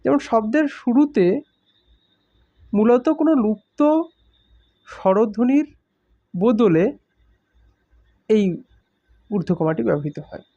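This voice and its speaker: A man teaching a grammar lesson, explaining slowly with examples and stressing key words. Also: high-pitched, mellow. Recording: muffled lo-fi recording.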